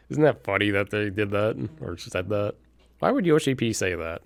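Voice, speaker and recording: A man's voice: on the low side, vocal fry, dry recording. A man doing casual, rambling live stream commentary on a game, informal and sweary, often chuckling as he talks.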